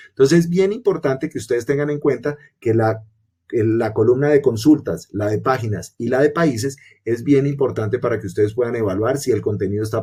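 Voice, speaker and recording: Dark husky man presenting a webinar. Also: mid-range voice. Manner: explanatory, poses and answers own questions. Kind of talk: webinar lecture.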